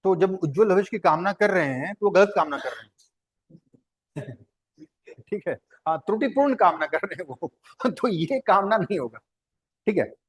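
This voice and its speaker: A man's voice: high voice, animated, moderate pace, pauses often, breathy edge. A man teaching a Hindi translation lesson, explaining at length, repeating words, spelling them out, and asking questions that he then answers himself.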